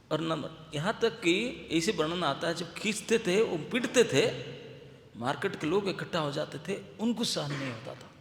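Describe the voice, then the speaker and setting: A man preaches a story-filled sermon in a temple hall, with a gravelly, fairly high voice. He acts out the people in his tale and drops English words into his speech. The room is echoey, with a long reverb trailing each phrase. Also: fairly bright tone, slight background noise. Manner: dramatic storyteller acting out quoted characters; mixes English words into Hindi. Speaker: monk preacher.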